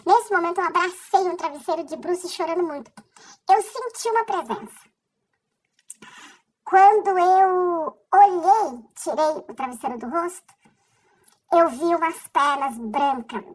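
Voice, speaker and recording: Woman, high bright voice, emotional faith testimony, stop-and-start delivery. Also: low-quality recording. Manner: earnest and halting, with restarts. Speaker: person sharing a faith testimony. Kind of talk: personal religious testimony.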